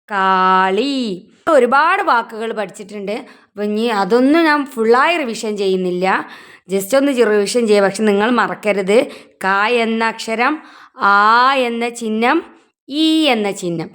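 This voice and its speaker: A woman teaching young children to read, asking questions patiently and answering them herself. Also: medium pitch. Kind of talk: children's reading lesson.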